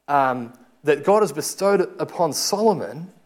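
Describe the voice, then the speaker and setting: A man with a fairly high voice and a lisp delivers an expository sermon. He moves between reading scripture and explaining it in an informal, conversational manner. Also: expressive, a little slow. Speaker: preacher giving a Bible talk.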